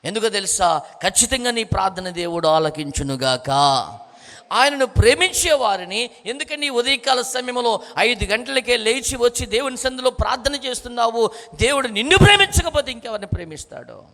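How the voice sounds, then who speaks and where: A male pastor preaching a morning prayer sermon fervently, firing rhetorical questions at listeners and building to near-shouts. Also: very high-pitched, expressive, brisk. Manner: swells to near-shouts in climaxes. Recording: long hall reverb.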